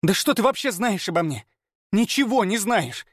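A man voicing a spoiled, hot-tempered young noble girl who shrieks and hisses in a shrill, high voice. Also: animated, slow pace, dry recording, studio quality, heavily acted. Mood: hysterical.

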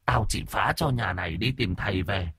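A man voicing the bitter ghost of a miscarried child, speaking in a high, thin, drawn-out whine and cursing the family. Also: a bit bright, breathy edge, dry recording, clean studio sound. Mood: sullen boasting. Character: wailing ghost of an unborn child, bitter, vengeful.

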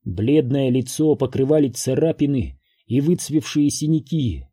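A man's voice: medium pitch, animated, measured pace, warm tone, slightly rough. A man narrating a horror audiobook.

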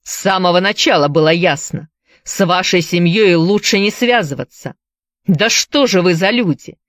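A woman's voice: fairly low pitch, moderate pace, no room sound, clean studio sound, lightly acted. A woman reading a story aloud, voicing a young male tavern keeper who speaks in a curt, defensive way. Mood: irritated.

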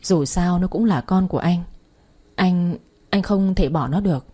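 A woman voicing a soft-spoken young male heir who pleads in a hushed, low voice, her own voice husky. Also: unhurried. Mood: pleading.

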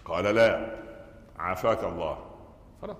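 A man's voice: low voice, normal speed. A middle-aged man with an Egyptian Arabic accent delivering a Friday sermon, telling stories and asking his audience rhetorical questions. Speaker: preacher. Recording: echoey hall with long reverb.

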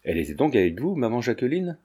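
A man reading a gentle, coaxing young student. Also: mid-range voice, big pitch swings, quick pace. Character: bold young male student, kind and teasing. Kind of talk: audiobook character reading.

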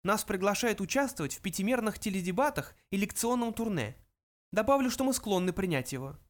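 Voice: mid-range voice, expressive, pitched above the performer's own voice, close to an everyday voice. Frankie, a reader voicing a pompous little lab mouse. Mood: lecturing. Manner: brisk, lecturing, cynical. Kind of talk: audiobook character reading.

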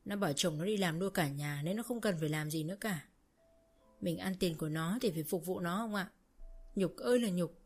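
A woman's voice: fairly low pitch, brisk, a little mellow, faint music behind. A woman voicing a weepy, manipulative older rural mother-in-law who wails and complains theatrically. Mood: wailing. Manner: wailing, theatrical, self-pitying.

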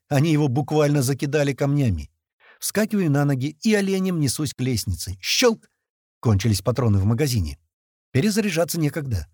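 A man narrating an action story in first person, voicing the shouted lines of the characters himself. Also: medium pitch, no room sound, clean studio sound. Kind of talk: audiobook narration with acted dialogue.

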